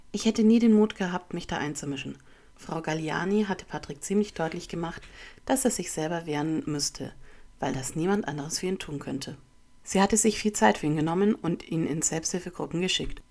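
A woman reading a first-person story aloud as an audiobook narrator, with expressive, dramatic storytelling. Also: low voice, gravelly.

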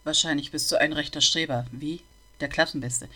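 A woman's voice: low-pitched, fairly even intonation, a little fast, pushed and bright, exaggerated voice. A woman voicing a grumbling old male bookseller who questions a boy with disapproval. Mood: gruff, probing. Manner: gruff, interrogating, disapproving.

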